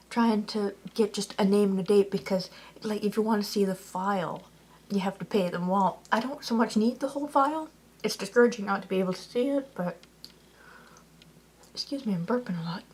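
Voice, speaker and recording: A woman's voice: mid-range voice, steady tone, moderate pace, pauses often, husky. A woman vlogging in a casual, rambling way, peppering her talk with "like" and correcting herself as she goes. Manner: chatty, lots of "like", self-correcting.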